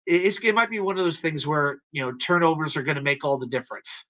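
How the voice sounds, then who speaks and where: A man hosting a live-stream sports talk show. His voice sits a little high and comes across bright and forceful. He talks casually and hesitantly, with plenty of fillers and restarts. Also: fast. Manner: chatty, hesitant with many fillers.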